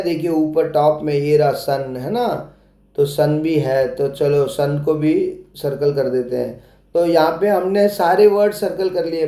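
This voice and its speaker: Male teacher, slow and mellow, patient with little ones, roomy sound. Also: on the high side. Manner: slow, patient, spells words out letter by letter. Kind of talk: explaining a textbook lesson to young children.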